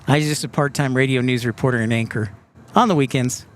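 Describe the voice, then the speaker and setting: A man's voice: mid-range voice, quick pace, a little hiss or hum. A man hosting a live stream outdoors, chatting casually and reading viewer comments aloud. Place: outdoors by an airport.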